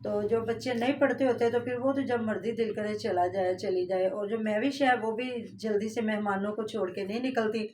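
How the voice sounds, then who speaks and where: A woman's voice: medium pitch, steady tone, fairly quick, few pauses, a little mellow, a little hiss or hum. A woman giving casual, rambling reaction commentary on family vlogs, full of fillers and asides.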